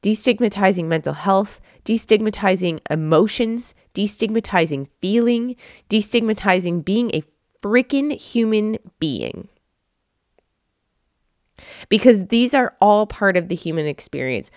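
A woman's voice: medium pitch, lively intonation, unhurried, dry recording, studio quality. A woman hosting her own podcast, speaking earnestly and from the heart straight to her listeners. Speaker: podcast host. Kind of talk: reflective solo podcast talk.

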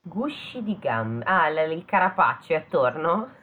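Sarcastic woman with a lively, swooping voice. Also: deep voice, measured pace, phone-quality sound. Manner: sarcastic, joking, swears freely. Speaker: podcast co-host. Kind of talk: casual comic commentary.

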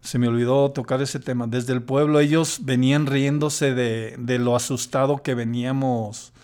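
A man's voice: mid-range voice, fairly even intonation, normal speed, darkish tone, clear, resonant tone. An older man, a podcast guest telling a personal story in a hesitant way, with many restarts.

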